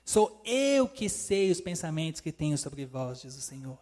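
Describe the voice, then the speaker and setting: With a sing-song delivery at moderate pace, an evangelist preacher with a high-leaning, slightly mellow voice calls the crowd "queridos." He dramatizes God's words as quotations, and the hall gives a long reverb.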